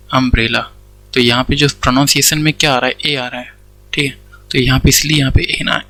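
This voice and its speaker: A man's voice: mid-range voice, pushed and bright, rough recording. A man with an Indian accent teaching English grammar in a Hindi-English mix, asking questions and answering them himself step by step. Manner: explains step by step, asks questions and answers them himself, says "theek hai" often. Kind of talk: Hindi-English classroom lecture.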